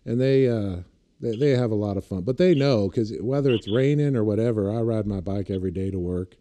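A man's voice: lowish voice, a little fast, mellow. A man chatting casually, rambling through anecdotes and laughing at his own stories. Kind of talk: casual chat.

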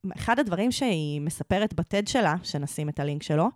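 A woman's voice: on the low side, expressive, no room sound, studio quality. A woman with an Israeli accent chatting casually as a podcast co-host. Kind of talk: casual conversational podcast chat.

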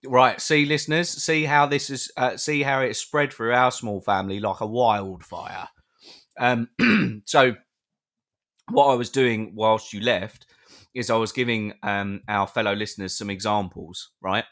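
A British man co-hosting a live show, rambling playfully as he talks to his listeners. His voice sits somewhat low, and he keeps restarting his sentences. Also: a little slow, fairly bright tone. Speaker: podcast co-host. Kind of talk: casual live chat with listeners.

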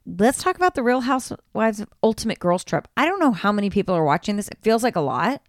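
A middle-aged woman co-hosting a casual chat, animated and quick to swear and mimic others. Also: mid-range voice, dry recording, clean studio sound. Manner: animated, swears freely, mimics people she discusses. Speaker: podcast co-host.

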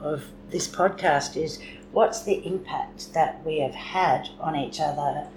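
A woman in her forties co-hosts, her voice very low for a woman, affirming and reflective. The sound is roomy, with clear background noise. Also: slow pace, a little mellow. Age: 40s. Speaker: podcast co-host. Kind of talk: supportive conversation.

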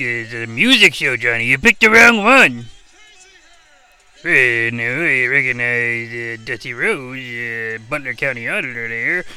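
A man's voice: medium pitch, bright, forceful tone, clear, resonant tone, exaggerated voice. A man voicing a bumbling, rambling old ex-wrestler who gets easily flustered and confused by technology, in an improvised comedy bit.

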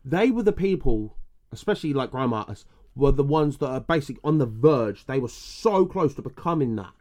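A man's voice: mid-range voice, animated, brisk, a little mellow. A man chatting casually and bluntly, swearing and telling anecdotes with reported quotes. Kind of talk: casual chat.

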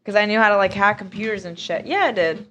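A woman's voice: medium pitch, quick pace, bright, forceful tone, muffled recording. A woman in her thirties co-hosting a podcast, tipsy and giggling as she tells loose, profane stories in a casual chat. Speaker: podcast co-host.

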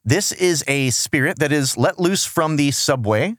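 A man's voice: on the high side, animated, unhurried, fairly bright tone, dry recording, clean studio sound. A man co-hosting a casual comedic recap chat, rambling and jokey, often correcting himself. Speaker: podcast co-host reviewing a cartoon.

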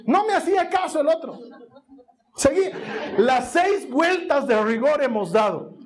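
A man's voice: very high voice, a little slow, a faint crowd. A man preaching a sermon, telling a family story and acting out every voice in it. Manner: animated storytelling, acts out voices.

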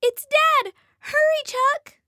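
A woman's voice: very high voice, big pitch swings, a little slow, no echo, studio quality, full character voice. A woman voicing an eager young girl in a children's story, earnest and childlike. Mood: urgent. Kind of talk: children's audio story acting.

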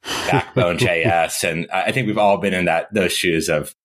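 A young startup CEO, appearing as a guest on a casual interview, answers questions in an easygoing, conversational way. His voice sits low with a steady, fairly bright tone and moves a little fast.

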